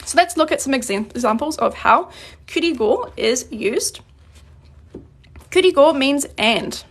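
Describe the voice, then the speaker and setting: A woman from New Zealand teaching a live-streamed grammar lesson, explaining patiently and clearly, slowing down on her examples. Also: sits high, lively intonation. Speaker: Korean language teacher.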